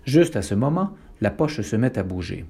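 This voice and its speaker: Husky man reading a storybook aloud. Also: sing-song, moderate pace, warm tone. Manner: announces each speaker in a low aside. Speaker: storybook reader. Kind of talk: reading a children's book aloud.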